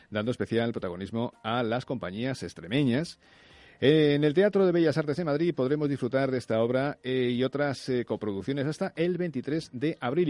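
A man hosting a radio interview, introducing his guest and backing him with quick affirmations. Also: medium pitch, darkish tone, dry recording. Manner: brisk, frequent short affirmations. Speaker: radio host.

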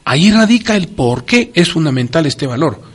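A man's voice: a little high, big pitch swings, normal speed, slightly rough. A man speaking in a preacherly, emphatic way on a religious talk program, often repeating his key phrases for stress.

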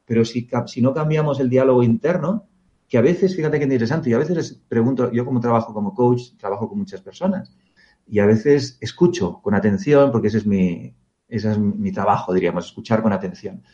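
Mellow-voiced male coach. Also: mid-range voice, fairly quick, highs cut off. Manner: calm, reflective, explaining with rhetorical questions. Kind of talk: radio interview guest.

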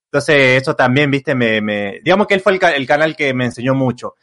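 A young Argentine man, a content creator appearing as a guest, chats casually in an interview with an Argentine Spanish accent. His mid-range voice is a bit bright and fairly quick. He rambles loosely, packing his speech with fillers and restarts.

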